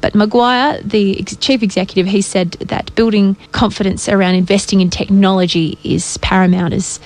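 A woman's voice: medium pitch, steady tone, normal speed, a little mellow, rough recording. A woman with an Australian accent hosting a radio breakfast show, presenting news and chatty segments.

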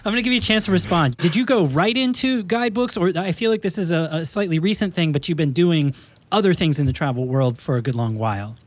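A man with a fairly high voice hosts a podcast from a studio, teasing his guests playfully as he introduces them. His voice sounds close and dry, with no room sound around it. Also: lively intonation, quick pace, no echo. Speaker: podcast host. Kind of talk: casual podcast chat.

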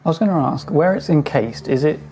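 A man's voice: on the high side, animated, a little fast, mellow, a little hiss or hum. A man playing a tabletop role-playing game, talking casually.

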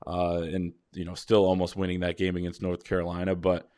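A man hosting a sports podcast, talking through basketball games in a measured, casual way with long, winding points. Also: sits low, monotone, dark tone. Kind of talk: casual sports analysis chat.

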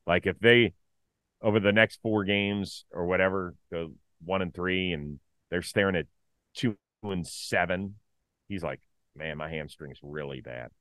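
A middle-aged man co-hosting a casual sports talk show, animated and opinionated, full of quick asides. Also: sits low, no room sound. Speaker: podcast co-host.

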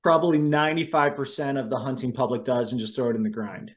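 A man hosting a casual chat, telling animated stories about cooking wild game and laughing often. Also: mid-range voice, quick pace. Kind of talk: casual conversation.

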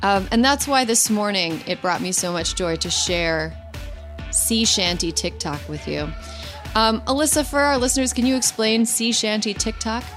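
A woman's voice: mid-range voice, animated, moderate pace, fairly bright tone, soft background music. A woman hosting a podcast in casual chat, wry and sarcastic, with plenty of profanity. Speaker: podcast host.

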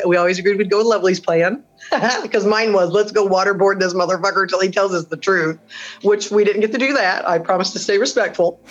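Casting: outspoken woman interviewee, vivid storyteller, dull lo-fi sound, faint music underneath. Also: mid-range voice. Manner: animated, blunt, swears, acts out quotes. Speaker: interviewee, local radio host. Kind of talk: emotional personal storytelling.

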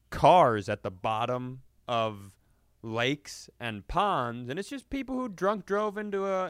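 This man's voice is mid-range and smooth, captured in clean studio sound without echo. He's one of the hosts of a comedy podcast, rambling through casual, funny stories and swearing now and then.

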